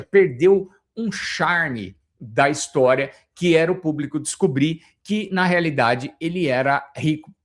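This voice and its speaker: A man with a Brazilian Portuguese accent, hosting a casual, opinionated commentary with many filler restarts. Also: a little high. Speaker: host.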